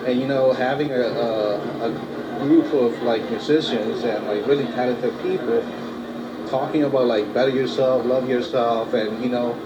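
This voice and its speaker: A man's voice: medium pitch, fairly even intonation, measured pace, roomy sound, muffled recording. A man answering an interview question casually, searching for words with many fillers. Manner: searching for words, many likes and you-knows. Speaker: interviewed fan. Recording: noisy distant street-interview audio.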